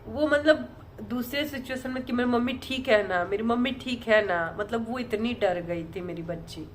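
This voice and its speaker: A woman vlogger telling a personal story in a casual, rambling way, softly and with many fillers and restarts. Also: on the high side, normal speed, a little hiss or hum.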